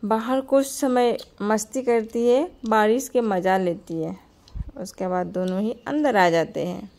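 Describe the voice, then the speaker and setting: A woman's voice: mid-range voice, measured pace, a little mellow. Woman narrating a homely cartoon story.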